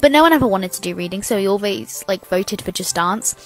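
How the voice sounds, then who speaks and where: A woman's voice: mid-range voice, animated, a little fast, soft background music, poor audio. A young woman rambling casually through a school memory. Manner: rambling, laughing along. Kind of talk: casual storytime.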